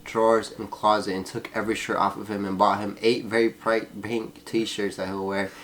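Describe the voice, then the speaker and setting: A man's voice: fairly low pitch, little pitch movement, moderate pace, fairly bright tone, a little hiss or hum. A man co-hosting a podcast, reading Reddit posts aloud and breaking off to joke and laugh. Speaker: podcast co-host.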